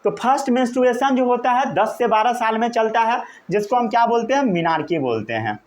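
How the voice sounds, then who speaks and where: A man's voice: very high voice, fairly quick. A young male teacher giving a classroom lecture, checking often that students have understood. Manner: animated, keeps asking "samajh gaye?".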